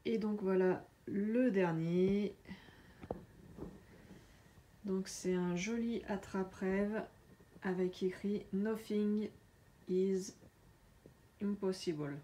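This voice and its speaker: A woman chatting casually through a craft unboxing, hesitant with many filler pauses. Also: medium pitch, fairly even intonation, mellow, slight background noise. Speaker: diamond painting vlogger.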